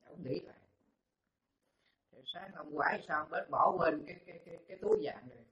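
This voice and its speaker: A Buddhist monk telling folksy parables in a dharma talk, repeating words and pausing on fillers, in a dull, roomy recording. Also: male voice, a little high. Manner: folksy, repetitive, hesitant with fillers.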